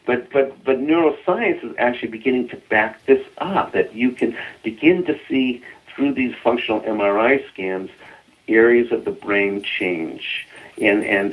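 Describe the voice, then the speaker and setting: A man with a Boston accent, a guest explaining mindfulness research in a radio interview, earnest, often repeating words as he starts a sentence. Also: mid-range voice. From Boston area, US. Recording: tinny phone line.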